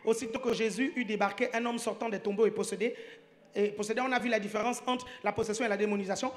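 A man's voice: high-pitched, steady tone, fast. Preacher guy in church, jokey, keeps checking if everyone's following. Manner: joking, keeps asking the congregation if they follow. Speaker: pastor. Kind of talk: sermon.

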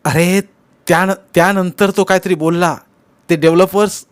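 A man's voice: high-pitched, fairly even intonation, normal speed, no room sound, voice pushed up, close to an everyday voice. A man voicing a frail, breathless elderly man who speaks in trembling, gasping phrases in an audiobook. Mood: pleading. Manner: trembling, gasping, strained cries.

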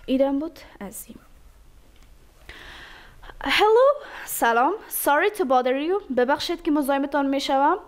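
A woman teaching English phrases, saying each example slowly and carefully and then explaining it quickly. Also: high-pitched.

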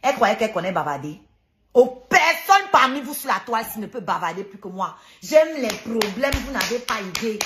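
A woman's voice: on the high side, sing-song, normal speed, a bit bright, a little hiss or hum. A woman hosting a heated livestream rant, combative and sarcastic, hammering her points home by repeating them. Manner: emphatic repetition. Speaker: online live streamer.

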